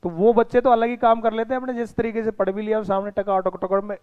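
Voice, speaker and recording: A man's voice: high voice, level tone, quick pace, smooth, phone-quality sound. A man teaching a class, mixing the lesson with teasing and scolding of his students. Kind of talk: classroom lecture with banter.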